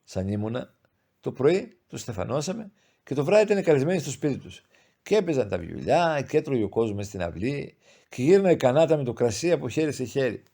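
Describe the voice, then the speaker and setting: A man's voice: mid-range voice, big pitch swings, gravelly, mellow. A man reading as a grieving pious old mother. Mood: reminiscing.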